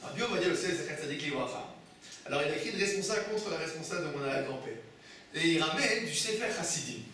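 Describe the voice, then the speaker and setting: A man's voice: fairly high pitch, lively intonation, fast talker, sharp tone, a little hiss or hum. A man, a rabbi, teaching a Torah class, asking his students questions and answering them himself. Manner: explains texts with repeated phrases and restarts. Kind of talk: Torah study lesson. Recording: echoey room, mic far off.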